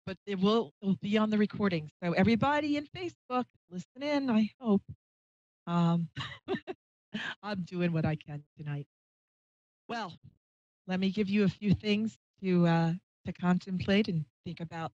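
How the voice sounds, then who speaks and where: A woman with a mid-range, somewhat dark voice hosts a live call-in radio show, chatting in a scattered, self-deprecating way. She works as a radio talk show host and psychic medium. The live stream audio sounds dull and roomy.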